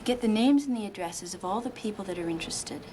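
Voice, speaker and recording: A woman's voice: mid-range voice, lively intonation, fast, noisy background, close to an everyday voice. An actress playing a practical, plain-spoken female union organizer. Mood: frank. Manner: plain-spoken, matter-of-fact.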